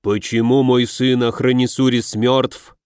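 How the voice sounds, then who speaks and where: A man voicing a furious dog-headed senior legate who speaks in slow, low, growling threats. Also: flat delivery, a little mellow, clear, resonant tone, no room sound, clean studio sound, close to an everyday voice. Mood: menacing.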